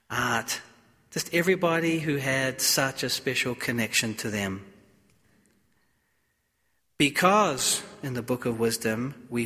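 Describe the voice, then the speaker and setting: A man, a priest, reading the Gospel and preaching at a funeral in a slow, measured, solemn way, with a long church echo on his voice. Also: mid-range voice, pushed and bright. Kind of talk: funeral homily. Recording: echoey church, long reverb.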